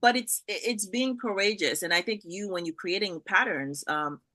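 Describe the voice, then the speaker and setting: A woman's voice: medium pitch, normal speed, sharp tone. A woman hosting an interview, chatting casually and responding with enthusiasm and frequent affirmations. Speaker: interview host.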